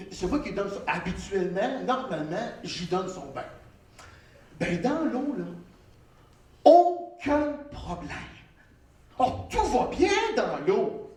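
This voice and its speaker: Very high-voiced Québécois comedian on stage. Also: male voice, recorded from a distance, a little hiss or hum. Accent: Québécois French. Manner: animated, theatrical, breaks into shouts and sing-song. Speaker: stand-up comedian. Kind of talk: live stand-up storytelling. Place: theatre stage. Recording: roomy live stage sound from off-mic.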